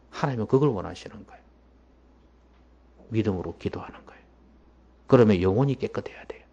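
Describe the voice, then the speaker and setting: A man preaching a sermon as pastor in a church, emphatic and at times dropping to a hushed voice. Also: medium pitch, dull audio.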